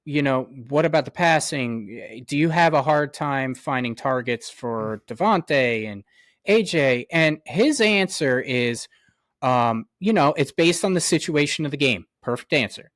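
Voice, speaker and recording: A man co-hosting a sports podcast, ranting heatedly with lots of swearing, his voice jumping loud and high. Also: no echo, clean studio sound. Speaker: podcast co-host. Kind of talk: sports talk rant.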